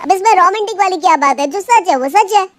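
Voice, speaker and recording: A woman's voice: very high-pitched, animated, fast talker, soft background music, pitched above the performer's own voice. Woman doing a playful teasing young husband.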